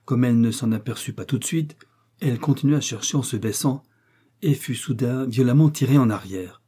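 A man reading a wartime spy novel aloud as steady scripted narration, shifting his voice a little for the dialogue. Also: medium pitch, brisk, husky. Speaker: audiobook reader.

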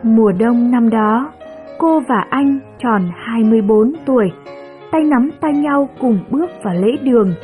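A woman narrating a story in a gentle, measured storytelling voice. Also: on the high side. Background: soft music.

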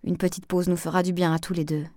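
A woman's voice: on the low side, little pitch movement, fast talker, a little mellow, dry recording, clean studio sound, lightly acted. A woman reading a jealous young woman, pleading. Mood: clinging. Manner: pleading, intense, reproachful.

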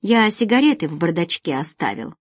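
A woman's voice: lowish voice, very animated, brisk, no echo, studio quality. A woman reading the part of a proud, jealous young man on holiday in a storybook, in a wry, defensive manner. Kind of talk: audiobook character voice.

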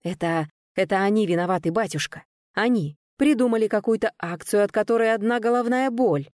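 A woman's voice: brisk, a little mellow, no room sound, studio quality, close to an everyday voice. A woman voicing a spoiled, petty young nobleman who whines and shrieks in protest. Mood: whining. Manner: whining and shrill. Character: spoiled, petty, whiny young male cousin.

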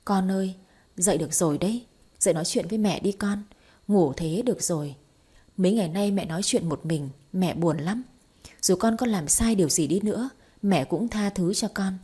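A woman's voice: medium pitch, normal speed, mellow, breathy edge, natural voice. A woman reading as a pleading, grieving mother. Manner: pleading, tearful. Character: grieving middle-aged mother, pleading at a hospital bedside.

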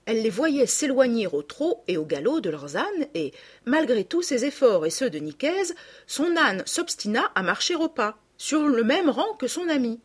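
A woman reading a classic children's story aloud with expressive, animated narration. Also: on the high side, moderate pace, husky. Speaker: audiobook reader.

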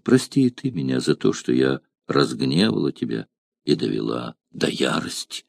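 A scheming young courtesan coaxes her lover with feigned tenderness, voiced by a male narrator. The voice sits a little higher than his own, soft and wheedling, in a dry storybook reading. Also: sing-song, normal speed, creaky, no room sound, exaggerated voice. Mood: coaxing.

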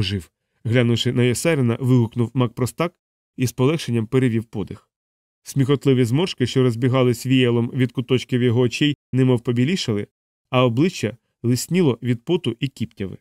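A man reads a novel aloud in an even, measured way, with a middle-pitched voice. The recording is close and dry, with no room echo. His narration stays steady between the characters' lines. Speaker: audiobook narrator. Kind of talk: scripted narration.

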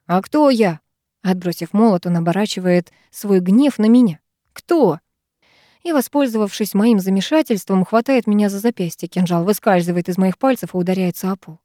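Dark-voiced woman reading a dramatic story. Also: medium pitch, a little fast, hardly any pauses, dry recording, studio quality. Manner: dramatic, emotive. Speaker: audiobook narrator. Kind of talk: first-person fiction reading.

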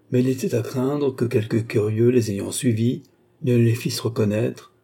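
A man narrates a classic novel in a measured, even manner. His voice is very dark and mellow, with a husky edge. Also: medium pitch. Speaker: audiobook narrator. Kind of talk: scripted narration.

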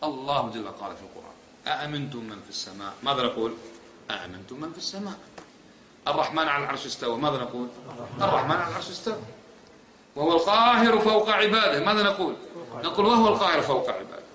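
A man's voice: fairly high pitch, animated, racing, a crowd in the background. A man teaching a lesson on creed, pressing his points with emphatic rhetorical questions. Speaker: religious teacher. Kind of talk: lecture on creed. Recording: echoey hall.

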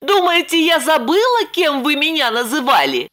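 A flustered young woman in an audiobook, as the woman reading puts her on. She speaks high and pleading, her pitch swinging widely with every worry. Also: very animated, moderate pace, fairly bright tone. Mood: fretful, pleading. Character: anxious fretful young woman. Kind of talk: audiobook character voice.

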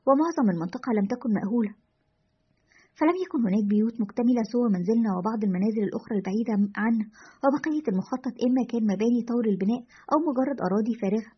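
A woman's voice: on the high side, racing, slightly rough. A woman voicing a woman caller who recounts a childhood memory in a descriptive way. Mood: recollecting. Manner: recollecting, descriptive. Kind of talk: storytelling narration. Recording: lo-fi dull audio.

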